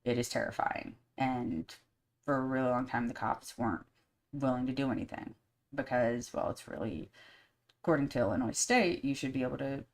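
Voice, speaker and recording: A woman with a low, deep-set voice talks casually on her podcast live stream. She is candid and blunt, swears freely, and rambles with many fillers between her thoughts. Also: moderate pace, darkish tone. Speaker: podcast host.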